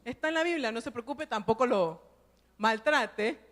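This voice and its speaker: High-voiced woman pastor preaching in a church. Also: lively intonation, moderate pace. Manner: storytelling with rhetorical "¿sí?" tag questions. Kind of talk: sermon. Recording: long church reverb.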